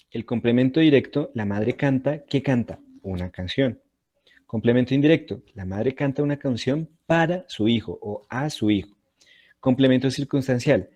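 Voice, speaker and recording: Man, Latin teacher, low mellow voice, patient explaining. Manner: explains patiently, repeats points, checks in with "¿sí?". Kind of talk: online class lecture.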